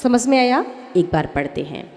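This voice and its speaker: A woman teaching how to chant a devotional Sanskrit hymn correctly, slowly repeating words to fix pronunciation and singing the verses. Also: on the high side, big pitch swings, darkish tone. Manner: chants verses in a sung melody. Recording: long hall reverb with faint music.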